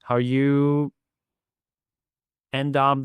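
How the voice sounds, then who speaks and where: A man hosting an academic podcast, asking polite and slightly halting questions. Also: mid-range voice, flat delivery, clear, resonant tone, dry recording. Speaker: podcast host. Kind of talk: academic interview.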